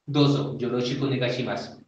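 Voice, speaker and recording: A man's voice: mid-range voice, fairly even intonation, a little mellow. A man from Colombia, giving an informal Japanese lesson and hesitating often with fillers. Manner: hesitant, many fillers, slow and deliberate. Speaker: Japanese teacher. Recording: far from the mic in an echoey, dull-sounding room.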